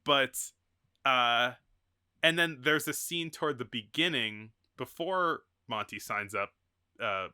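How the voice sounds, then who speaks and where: A podcast co-host talks casually about a film in rambling sentences, with many restarts, frequent fillers and lots of laughter. His medium-pitched voice is slow, bright, forceful, clear and resonant.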